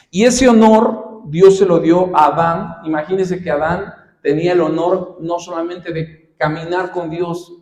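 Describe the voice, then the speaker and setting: Mexican pastor preaching in echoey hall. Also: male voice, a little high, a little mellow. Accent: Mexican Spanish. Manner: conversational preaching, slows down to read scripture. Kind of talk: sermon. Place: church hall. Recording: echoey church hall, roomy reverb.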